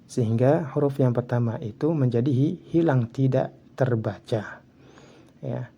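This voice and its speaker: A man's voice: mid-range voice, a little slow, creaky, breathy edge, lo-fi sound. A man with an Indonesian accent teaching Quran recitation rules, explaining each rule and then reciting examples drawn out. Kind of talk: tajwid lesson with recited examples.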